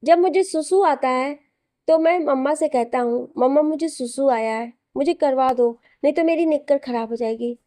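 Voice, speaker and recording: A woman's voice: sits high, moderate pace, warm tone, no room sound, studio quality, natural voice. Woman playing a pleading three-year-old boy. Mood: pleading innocent. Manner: innocent, childish pleading.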